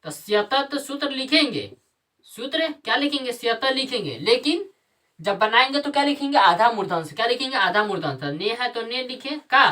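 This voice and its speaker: A woman's voice: a little high, animated, moderate pace, pushed and bright, distant mic. Woman teacher quizzing the class. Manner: asks and answers her own questions, repeats key terms. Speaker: Sanskrit grammar teacher. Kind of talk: classroom lesson with call-and-response questions.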